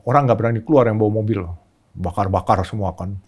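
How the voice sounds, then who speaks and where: A man, a podcast guest telling a story in casual chat, who acts out quoted shouts in a much higher voice. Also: quick pace.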